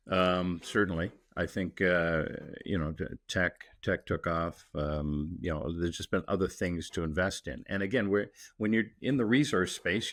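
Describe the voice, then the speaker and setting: A man speaking as a company executive in an interview, relaxed and halting, with many fillers and restarts. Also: low-pitched, dry recording, studio quality. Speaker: mining company executive guest. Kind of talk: casual interview talk.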